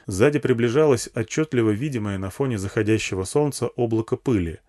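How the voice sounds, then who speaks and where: A man's voice: mid-range voice, a little fast, mellow. A man narrating a first-person post-apocalyptic audiobook in a dry, matter-of-fact way. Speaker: audiobook reader.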